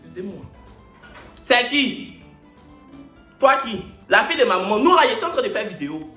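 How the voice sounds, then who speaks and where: A man vlogging, telling a comic story to camera in an animated, mock-indignant, boastful way. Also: high voice, normal speed. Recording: roomy echo, faint music behind.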